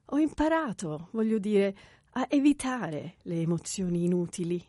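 A reserved young governess speaking in a raised, measured voice with a dry, slightly ironic edge, done by a man reading an audiobook. The sound is close and dry, with a dark tone. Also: sits high, expressive, no echo, pitched above the performer's own voice. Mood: cool, ironic. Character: young composed English governess, cool and reserved. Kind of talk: audiobook character voice.

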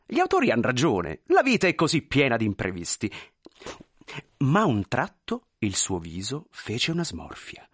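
Husky, expressive male storyteller. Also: medium pitch, moderate pace, no echo, clean studio sound. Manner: expressive, theatrical. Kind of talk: scripted narration.

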